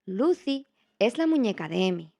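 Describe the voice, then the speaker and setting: Kind little storybook bear cub, played by a woman, warm and reassuring, lively pitch. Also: moderate pace, no room sound.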